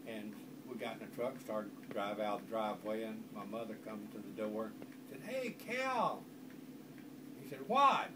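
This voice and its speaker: A man's voice: lowish voice, little pitch movement, a little fast. An older man with a rural Southern American accent and a folksy grandpa voice, spinning an informal, rambling country yarn. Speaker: grandfather telling family stories. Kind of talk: informal oral storytelling. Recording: distant microphone, loud background noise.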